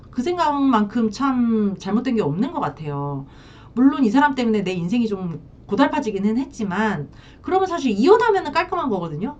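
A woman counselor giving advice to camera in a casual, animated way, sometimes acting out what spouses say. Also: fairly high pitch, distant mic, highs cut off. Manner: animated, acts out spouses' lines in quotes. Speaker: marriage counselor.

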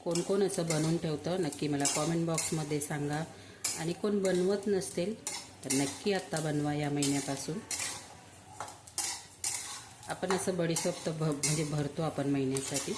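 A soft-spoken woman hosting a casual home-cooking vlog from her kitchen, talking quietly to her viewers. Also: sits low, normal speed, background noise. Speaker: home cooking channel host. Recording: clattering pots and sizzling behind voice.

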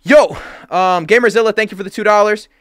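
A young man hosting a livestream, talking fast and slangy while thanking donors. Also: high voice, fairly bright tone, clean tone. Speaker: livestream host. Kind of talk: casual livestream chat.

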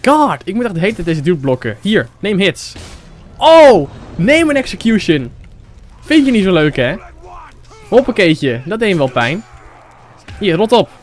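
A young Dutch man giving excitable let's-play commentary, swearing and shouting at the game. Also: high-pitched, normal speed. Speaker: gaming YouTuber. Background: game music.

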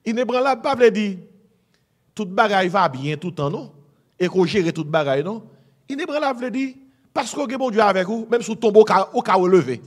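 A man's voice: high voice, expressive, fairly quick. A middle-aged man with a Haitian Creole accent preaching a sermon, mixing Creole and French, exhorting with "amen" and "hein?". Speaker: pastor.

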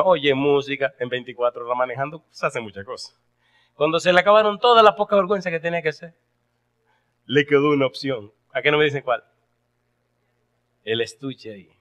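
A male pastor preaching a sermon as an animated storyteller, asking his congregation questions. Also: medium pitch, dull audio.

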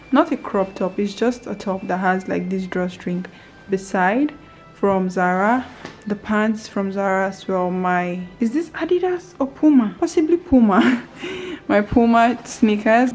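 A young woman in her twenties chats casually to camera for her vlog, laughing often and addressing her viewers directly. Filmed on a handheld camera at arm's length, she starts inside an apartment and later heads outdoors into a city. Her voice is medium-pitched and a little mellow.

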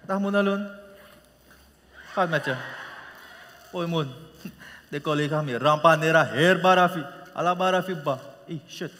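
A man's voice: on the high side, measured pace, pauses often, pushed and bright. A man playing a casual, placating young husband with a Surinamese Dutch accent in a live stage comedy. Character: young husband, easygoing and soothing. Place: large concert hall stage. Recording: long hall reverb, faint noise.

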